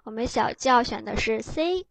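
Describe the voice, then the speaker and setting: A woman's voice: a little high, expressive, normal speed, gravelly. A woman teacher giving an exam-prep lecture, explaining patiently and tagging her phrases with little "ha" fillers. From China.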